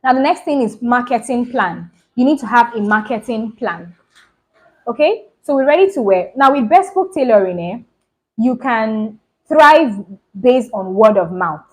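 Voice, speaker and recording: Woman host, slightly high pitch, brisk casual explainer who repeats herself for emphasis. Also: lively intonation, darkish tone, low-quality recording. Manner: talks fast, repeats points, keeps asking "do you understand?". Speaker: fashion business channel host. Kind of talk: casual instructional talk to camera.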